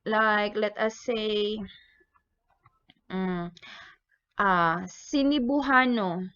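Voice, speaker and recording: A young Filipino woman from Davao with a Bisaya accent and native Cebuano, teaching a casual online lesson with halting repeats. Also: mid-range voice, fairly bright tone, clean tone, no room sound, highs cut off. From Davao, Philippines.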